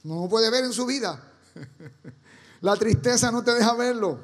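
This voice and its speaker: A man's voice: very high-pitched, expressive, unhurried. A man preaching a sermon as pastor, firing rhetorical questions at the congregation. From Caribbean. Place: church. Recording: reverberant church hall.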